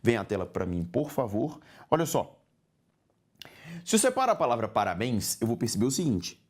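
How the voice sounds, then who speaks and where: A Brazilian man teaching grammar in a recorded exam-prep lesson, talking straight to the student, spelling out syllables slowly and tagging points with a rising "ok?". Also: mid-range voice, sing-song. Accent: Brazilian Portuguese. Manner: didactic, addresses student directly with frequent "ok?".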